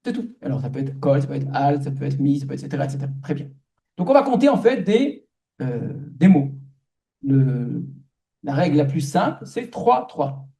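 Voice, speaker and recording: A man gives a rabbi's lecture in a patient, explanatory way, pausing on fillers and starting phrases over. His voice sits a little high yet sounds warm and mellow. He often turns to the audience with rhetorical questions. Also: very animated, vocal fry. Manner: explanatory, many hesitations and restarts, asks the audience rhetorical questions.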